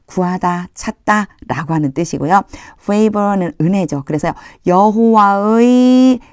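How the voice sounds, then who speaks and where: A woman's voice: medium pitch, slow pace, darkish tone, smooth, dry recording. Dry-voiced woman teaching Bible English. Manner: chatty, encouraging, often opens lines with "자". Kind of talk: explaining English Bible verse by verse.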